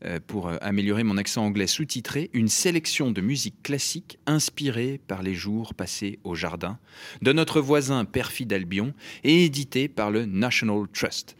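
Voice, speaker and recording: A man's voice: on the low side, animated, moderate pace. A male radio host recapping an interview and introducing music in a playful way. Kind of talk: radio hosting.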